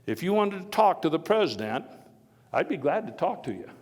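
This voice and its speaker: Vigorous and emphatic, a man with a high-leaning, sing-song voice plays an opinionated, hearty former president of the U.S. in a first-person dramatization, halting through anecdotes with wry chuckles and bursts of emphasis before audience questions. Long reverb from an echoey hall surrounds him.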